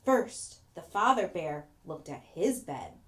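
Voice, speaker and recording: A woman narrating a children's fairy tale from a script, with expressive storybook emphasis. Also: lowish voice, slow pace.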